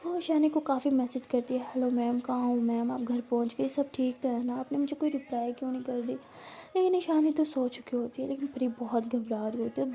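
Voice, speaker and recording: A woman's voice: on the high side, creaky, dark tone. A woman narrating a love story in a chatty, conversational way.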